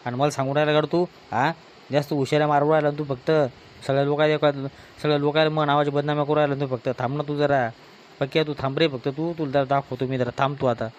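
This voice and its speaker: A man with a Varhadi Marathi accent playing a drunk, quarrelsome son who loudly demands his share of the family land in a village comedy skit. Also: a little high, little pitch movement, quick pace, muffled recording, slight background noise, lightly acted. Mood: belligerent. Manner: aggressive, shouting threats.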